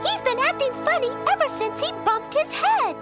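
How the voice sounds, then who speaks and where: Tiny, extremely squeaky Minnie Mouse. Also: female voice, moderate pace. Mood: worried. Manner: animated, girlish. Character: Minnie Mouse, tiny sweet worried female cartoon mouse. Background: music, crowd.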